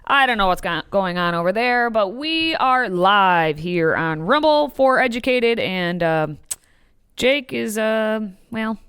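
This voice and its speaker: A woman's voice: medium pitch, expressive, slow pace, fairly bright tone, clean tone, no room sound, clean studio sound. Sarcastic woman co-hosting a stream. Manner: sarcastic, playful. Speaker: co-host. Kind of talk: live-stream talk show chat.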